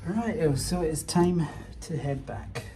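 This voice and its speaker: A man's voice: on the high side, measured pace. A young man vlogging casually about transport, enthusiastically pointing out details of a lift he is filming on a handheld camera. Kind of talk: casual on-location commentary. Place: lift inside a mountain station. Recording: echoey room with loud ambient noise.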